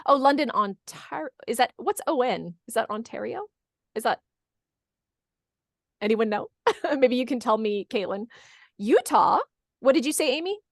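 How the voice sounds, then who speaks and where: Reading audience comments during an online webinar, a middle-aged host from California, United States, chats casually, encourages people, and repeats their answers back. Her fairly high voice is animated yet creaky, moving at a moderate pace with long pauses, in a dry, studio-quality recording.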